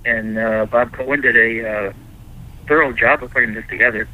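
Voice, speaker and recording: A man chatting casually as a caller on a show, halting and repeating his words. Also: medium pitch, fairly even intonation, narrow, tinny audio. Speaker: phone-in guest and staff member of the show. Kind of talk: casual chat.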